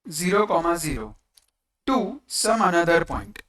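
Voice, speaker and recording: A teacher giving a step-by-step maths lecture in a deliberate way, pausing between short phrases. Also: medium pitch, very animated, a bit bright. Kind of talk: lecture explaining coordinate geometry step by step. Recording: distant microphone.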